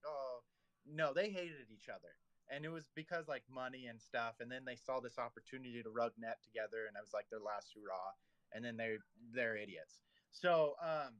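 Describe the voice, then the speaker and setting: A man with a bright, forceful voice hosts a loose online audio chat. He rambles through stories, stacks up fillers, and teases his co-host. His sound is close and dry, with no room around it. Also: medium pitch, normal speed, no room sound. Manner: rambling, filler-heavy, teasing. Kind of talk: casual chat.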